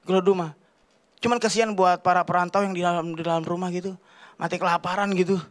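A man from Kalimantan, in his thirties, performing stand-up on a television studio stage. His voice sits high for a man, and he talks in an animated, rambling way, full of casual slang. He speaks into a handheld mic. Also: fast talker. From Kalimantan, Indonesia. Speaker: stand-up comedian. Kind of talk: stand-up comedy set. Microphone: handheld microphone.

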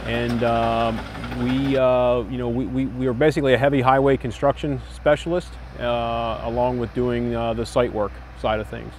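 An American construction company owner in his forties talks plainly and casually in an outdoor interview on a construction site, dropping frequent "you know" asides. His medium-pitched voice moves little, at normal speed with hardly any pauses, over a noisy background and a music bed.

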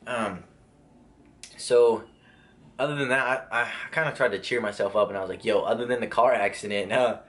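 A man's voice: lowish voice, moderate pace, a bit bright. A young man casually telling a personal story, rambling with restarts and lots of filler words. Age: young adult. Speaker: vlogger.

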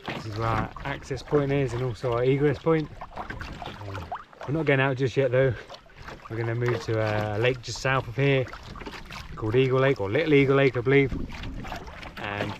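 A man's voice: mid-range voice, moderate pace, background noise. A man in his forties, vlogging casually and reflectively from a canoe on a lake, chuckling now and then. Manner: relaxed, reflective, chuckles often. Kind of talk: casual outdoor vlog narration. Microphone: action camera on the boat.

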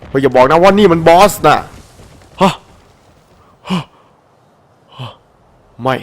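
Excitable, fairly high-voiced male game commentator. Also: slow pace. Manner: animated and playful, with frequent shouted exclamations and crude slang. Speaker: gameplay commentator. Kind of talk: excited let's-play commentary. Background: faint game music.

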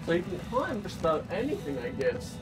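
A man giving let's-play commentary in excitable, jokey running reactions as he plays. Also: sits high, a little fast. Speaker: gaming video creator. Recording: game music playing underneath.

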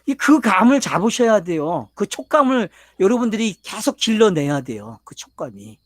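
A man's voice: high-pitched, very animated, normal speed, no room sound, studio quality. An older man preaching a Bible lecture, constantly questioning his listeners and pressing his points emphatically. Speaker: pastor. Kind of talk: sermon lecture.

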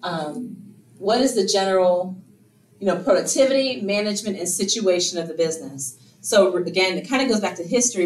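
In a meeting room, standing by a screen, a woman with a fairly low voice gives a relaxed workshop talk, leaning on rhetorical questions and filler words. A far-off room camera records her, so the sound is roomy with slight background noise.

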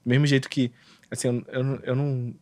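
Carioca male podcast host, medium pitch, upbeat slangy interviewer, dry close sound. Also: flat delivery, brisk, warm tone, dry recording. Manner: enthusiastic, slangy, chatty.

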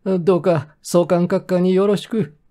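A portly, flustered middle-aged mayor, put on by a male audiobook reader, gushes hurried, overly polite apologies. The voice sits well above the reader's own, yet keeps a mellow, dark warmth. It sounds like a character in a spoken storybook. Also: high-pitched, steady tone, voice pushed up.

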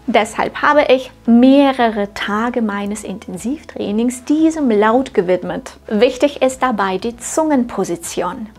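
Slow, careful German coach, woman. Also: a little high. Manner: slow, carefully articulated demonstrations of sounds; clear, encouraging teacher address to the learner. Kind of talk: scripted language lesson.

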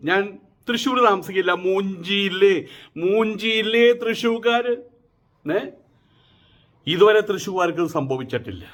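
Male political commentator, high voice, mocking and rhetorical. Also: a bit bright. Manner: mocking, rhetorical, repeats his taunting questions. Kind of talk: political monologue.

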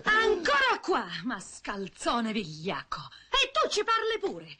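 An actress playing a quick-tempered young widow, who scolds and exclaims. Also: female voice, sits high, huge pitch swings, noisy background, exaggerated voice. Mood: indignant.

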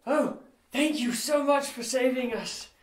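Man putting on a high-pitched older dwarf innkeeper. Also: unhurried. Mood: grateful, eager. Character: short older dwarf innkeeper, grateful and eager to please. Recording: roomy, echoing tabletop recording.

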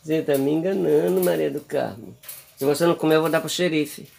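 A man from Brazil with a gravelly, husky voice. He chats on a handheld phone video, coaxing his pets in a sing-song way and turning aside now and then to his viewers. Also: on the high side, fairly even intonation, fairly quick, darkish tone. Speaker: vlogger. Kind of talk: casual home video chat.

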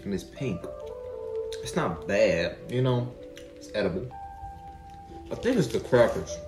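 A woman's voice: a bass voice, expressive, a little slow. A woman vlogger in a casual, slangy, laid-back snack taste test, chewing while talking. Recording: echoey room with music behind.

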